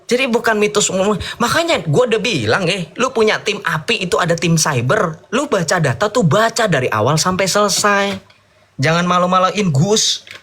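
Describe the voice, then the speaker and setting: A man's voice: sits high, lively intonation, normal speed, bright, forceful tone, husky. A man arguing heatedly in an online debate, mocking and combative, and reading English passages aloud.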